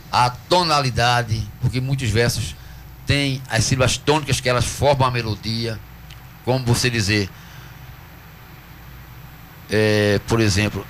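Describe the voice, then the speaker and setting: A man from Northeast Brazil with a Northeastern accent, a cordel poet answering interview questions in a radio studio, earnest and teacherly, slowing down to stress syllables. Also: mid-range voice, fairly bright tone, slight background noise. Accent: Northeastern Brazilian Portuguese. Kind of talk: radio interview, explaining at length.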